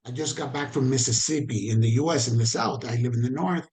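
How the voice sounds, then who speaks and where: A man with a Caribbean Spanish accent and a mid-range male pitch runs an online training session over video call. His delivery is loose and conversational, fairly quick and a little mellow, and he asks his audience questions and repeats points for emphasis.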